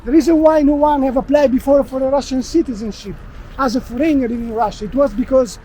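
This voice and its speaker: An Italian-accented man, a non-native speaker of English, chats as an interview guest outdoors in a city park. He talks haltingly, stopping and restarting as he hunts for the right words. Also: very high-pitched, steady tone, warm tone, slight background noise. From Italy. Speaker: guest, expat blogger. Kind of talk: casual interview while walking.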